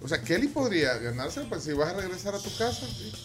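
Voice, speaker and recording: A man's voice: high-pitched, sing-song, fast talker. A Salvadoran man hosting a casual live radio chat, rambling and repeating words as he goes. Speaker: radio show host. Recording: clear music bed behind. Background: music.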